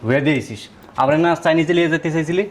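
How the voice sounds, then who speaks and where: A man's voice: on the high side, very fast, background noise, lightly acted. A man playing an annoyed young friend who scolds and swears. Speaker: flat owner friend.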